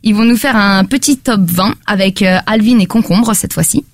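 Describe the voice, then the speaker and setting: A woman's voice: mid-range voice, moderate pace, dry recording, studio quality. A woman presenting her podcast pick in a casual French chat, chatty and full of fillers. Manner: chatty, animated, many fillers. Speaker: podcast reviewer.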